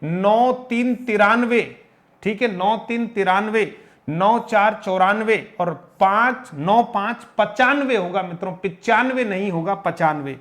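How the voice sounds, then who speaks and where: A man's voice: high voice, fairly bright tone. A man teaching Hindi number words, repeating each one and correcting common mispronunciations. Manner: repeats and corrects each word, addressing viewers as friends; slow, emphatic drilling of pronunciation. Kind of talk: spoken grammar lesson.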